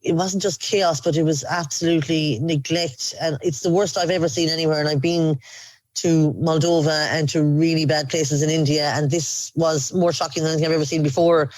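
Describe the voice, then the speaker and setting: A woman's voice: deep voice, fairly even intonation, a little fast, a little mellow, no echo, rough recording. An Irish woman, an aid volunteer, recounting her experiences in an earnest, emphatic documentary interview.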